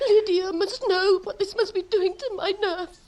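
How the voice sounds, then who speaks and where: A woman's voice: extremely high pitch, fairly even intonation, normal speed, darkish tone. An actress playing a fretful middle-aged mother of five daughters, fussy and hysterical and close to tears, in a period film. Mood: distraught.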